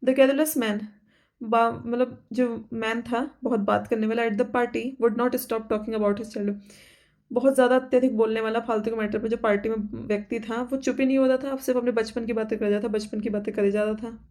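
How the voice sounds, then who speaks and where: A woman with an Indian English accent teaching vocabulary for exams, repeating each word and asking herself quick questions. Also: on the high side, steady tone, a little mellow. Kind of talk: exam-prep vocabulary lesson.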